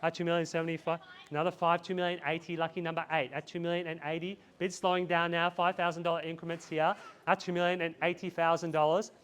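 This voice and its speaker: A man's voice: fairly high pitch, little pitch movement, quick pace, a bit bright, clean tone. A man calling a live property auction outdoors, repeating bid figures in a chant and urging buyers on. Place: outdoors in a residential street.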